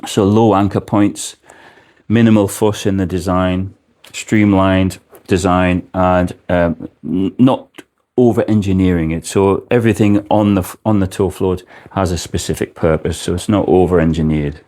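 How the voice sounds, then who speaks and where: A man's voice: deep voice, fairly even intonation, moderate pace, a little mellow. A man giving an informal product explanation as a presenter, speaking indoors in a shop.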